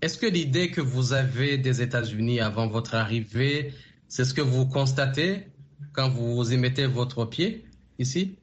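A man hosting a radio interview program, asking formal, measured questions with frequent pauses. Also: medium pitch, animated, highs cut off. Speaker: radio show host.

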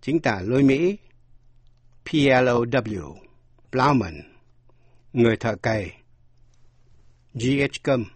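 A man's voice: mid-range voice, expressive, takes it slowly, long pauses, husky, no echo. A man teaching English vocabulary, spelling each word out letter by letter and then translating it. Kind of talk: slow spelled-out vocabulary lesson.

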